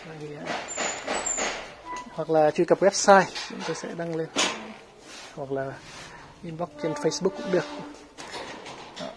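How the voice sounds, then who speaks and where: A helmet shop owner chatting through an unboxing, pausing often with fillers. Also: mid-range voice, very noisy. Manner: hesitant, many fillers. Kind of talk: casual unboxing vlog.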